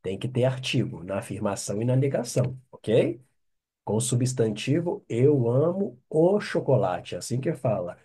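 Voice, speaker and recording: A man's voice: medium pitch, big pitch swings, warm tone, breathy edge. Patient Brazilian man teaching French. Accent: Brazilian Portuguese. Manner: patient, drills phrases slowly with frequent "ok?" checks. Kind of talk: online language lesson.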